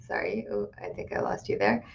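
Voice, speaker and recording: A woman's voice: brisk, lo-fi sound. A woman immigration attorney answering viewer questions on a live stream in a conversational, explanatory way, with frequent "right?" tags and filler words. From Connecticut, USA.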